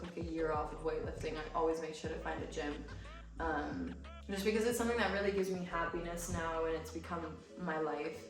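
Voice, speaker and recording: Answering fan questions in a relaxed vlog, this young American woman laughs often and keeps things bubbly and chatty; she grew up speaking Romanian and makes fitness content. Her voice sits lowish with a bit of brightness. Distant music and room echo come through.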